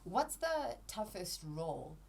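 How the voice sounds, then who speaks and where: A woman's voice: lowish voice, very animated, takes it slowly, creaky, darkish tone, husky. A woman hosting a radio talk show, playful and teasing as she pushes her guest for answers. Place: radio studio.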